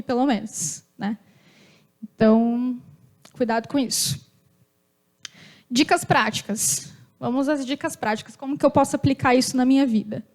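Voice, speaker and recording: A young woman with a high-pitched, naturally loud voice speaks at a company talk. She keeps it informal and chatty. Now and then she breaks into short acted-out dialogues. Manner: lively, chatty, acts out little dialogues.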